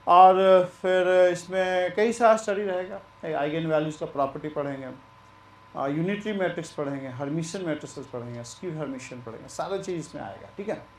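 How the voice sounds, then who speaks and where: A man teaching maths in a relaxed, chatty way, mixing Hindi and English and repeating himself. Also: on the high side, brisk, reverberant, slight background noise. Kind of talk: lecture.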